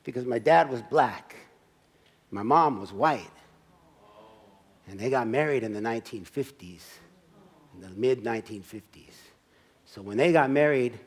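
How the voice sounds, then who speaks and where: A man in his sixties performs a personal story as a stage monologue at a church service. He talks in a conversational way and acts out the scenes with asides to the audience. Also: mid-range voice. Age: 60s.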